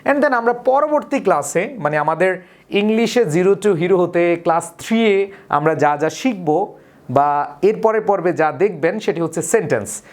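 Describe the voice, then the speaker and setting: A woman's voice: fairly low pitch, lively intonation, darkish tone. A woman from Bangladesh teaching an English lesson, asking the class questions and answering them herself, with English terms mixed into her explanation. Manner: asks the class questions and answers them herself, drawing out example words slowly; mixes English words into Bengali explanation. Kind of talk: recorded online lesson.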